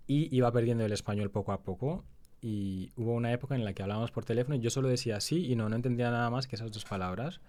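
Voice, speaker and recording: A young man, a guest telling his story in a casual interview, animated when he retells scenes and slower when he reflects. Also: medium pitch. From Spain.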